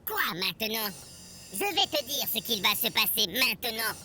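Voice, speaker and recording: A woman voicing a nervous male household robot in an animated cartoon, fearful at first and then defiant. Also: on the high side, normal speed, crowd noise. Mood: rebellious.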